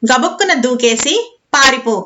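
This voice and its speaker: A woman voicing the wind, gently chiding a goat kid and telling it how to escape, in a storybook reading. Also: sits high, a little slow, dull audio. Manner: gently chiding, giving a plan. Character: kindly talking wind, lecturing then helping.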